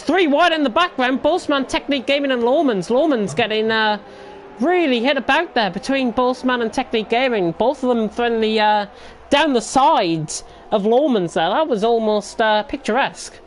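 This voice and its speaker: High-pitched woman motorsport commentator over noise. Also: moderate pace. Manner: motorsport commentator calling the action as it happens. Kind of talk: live motorsport commentary of an online league race. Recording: clear background noise.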